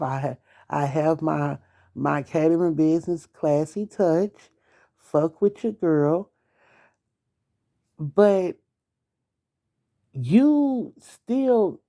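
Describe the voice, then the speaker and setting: A woman's voice: lowish voice, warm tone. A young adult woman hosting a late-night podcast, venting bluntly about her ex, swearing and talking straight at him. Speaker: podcast host.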